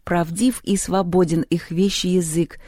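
A reader voicing a giggly, quick-witted girl who is a bit timid. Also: medium pitch, fairly even intonation, a little mellow, no echo, studio quality, close to an everyday voice. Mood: reciting.

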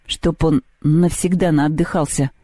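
A man voicing a gruff, hot-tempered boy who growls threats in a storybook reading. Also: fairly high pitch, moderate pace, warm tone, no echo, clean studio sound, lightly acted. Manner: growling, through the teeth.

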